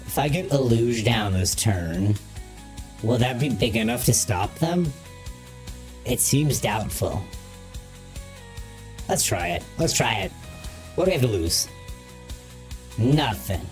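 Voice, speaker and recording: A man's voice: mid-range voice, expressive, slow pace, long pauses, faint music behind. Man through a voice modulator. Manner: thinks aloud through each move. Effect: voice modulator filter. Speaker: streamer playing a card game. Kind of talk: casual gameplay commentary.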